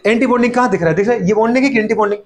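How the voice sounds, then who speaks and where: A middle-aged man teaching chemistry to a class, firing off rhetorical questions and playfully scolding students, sometimes voicing their replies. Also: high voice. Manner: fast repeated catchphrases and rhetorical questions. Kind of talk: classroom lecture.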